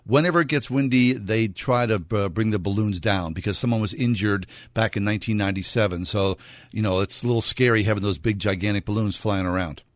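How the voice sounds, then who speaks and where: A man's voice: on the low side, a little fast, no echo, studio quality. A man co-hosting a radio talk show, telling stories in casual, playful banter.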